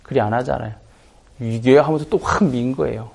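Gravelly middle-aged Korean pastor preaching. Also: male voice, medium pitch, fast talker. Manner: animated, acts out students' voices in dialogue. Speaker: pastor and school principal. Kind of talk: sermon with storytelling.

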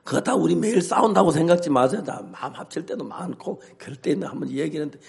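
An older man, a pastor, preaching with humor and telling animated stories, acting out his own shouts and both sides of a quarrel. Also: a little high, quick pace, creaky. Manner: animated storytelling, acts out shouts. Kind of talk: humorous sermon.

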